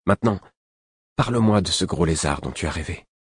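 A man's voice: sits low, lively intonation, brisk, husky, no echo, clean studio sound. A man voicing an earnest fifteen-year-old prince in an audiobook, speaking with youthful energy. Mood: urgent. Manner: eager, then suddenly grave. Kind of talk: audiobook character voice.

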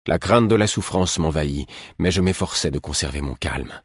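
A man narrating a storybook with a steady, measured reading. His voice is very low and husky, and the recording is close and dry with no room sound. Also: no room sound. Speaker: audiobook narrator. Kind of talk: scripted narration.

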